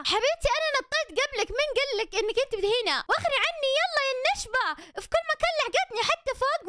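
A bratty little sister, played by a woman, bosses and taunts in a very high, lively voice that rattles along at top speed. Loud clicking noise sits under the voice throughout. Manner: scolding, taunting, bossy. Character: bratty quarrelsome young sister fighting over a bed. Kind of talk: Roblox role-play.

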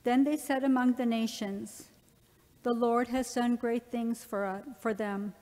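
A middle-aged woman reading scripture as a lector, measured and careful, with echoing church reverb. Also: a little high, fairly even intonation, a little mellow. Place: large church, at the ambo.

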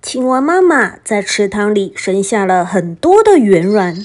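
A woman storyteller reading a bedtime story in a gentle, sing-song way. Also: mid-range voice, very animated, measured pace, faint music behind.

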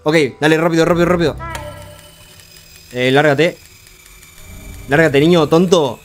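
A man's voice: fairly high pitch, fairly even intonation, faint music behind. Frantic young male gaming streamer. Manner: frantic, urging himself on with rapid repeated words; jokey, talks to the game's characters. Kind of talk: live horror game commentary.

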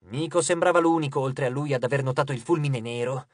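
An audiobook narrator with a mid-range voice reads a novel quickly in an expressive storytelling manner. It's recorded in a studio with no echo.

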